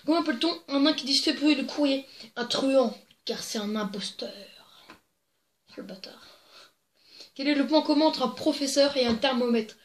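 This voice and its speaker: A young woman hosts a joke-telling video, reading jokes casually to the camera in a fairly quick, high voice. She giggles, rambles and tosses in crude asides, speaking into a plugged-in desk microphone in an echoey room.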